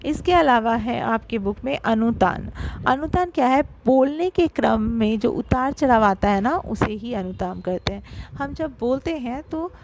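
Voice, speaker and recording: A woman teacher giving an online grammar lesson, talking straight to her pupils and slowing down to spell out sounds. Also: fairly high pitch, lively intonation, background noise. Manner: explanatory, addresses pupils directly, stresses syllables slowly.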